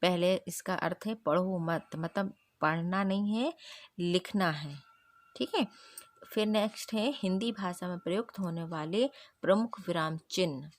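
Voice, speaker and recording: A woman teacher leads a grammar revision lesson, putting questions to her class and then answering them herself. Her voice sits a little low and sounds close and dry, with no room echo. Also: unhurried.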